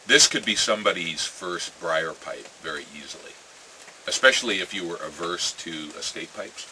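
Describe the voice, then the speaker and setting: A very deep-voiced American man talks casually in a musing, halting way, letting phrases trail off. Clear ambient noise and birdsong sit behind his voice. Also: sharp tone, low-quality recording. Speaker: pipe-smoking vlogger. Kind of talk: casual rambling chat to camera.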